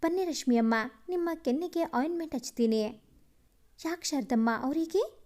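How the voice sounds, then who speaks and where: A woman's voice: high voice, lively intonation, moderate pace. A woman voicing a caring old housemaid. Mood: gentle concerned. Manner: gentle, respectful. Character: caring older housemaid, respectful.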